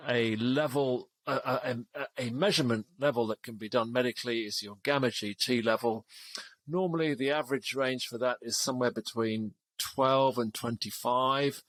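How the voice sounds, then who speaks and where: A man in his seventies co-hosting a podcast, explaining things in a measured way with small hesitations. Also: mid-range voice, a bit bright, no echo. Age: 70s. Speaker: podcast co-host. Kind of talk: casual podcast chat.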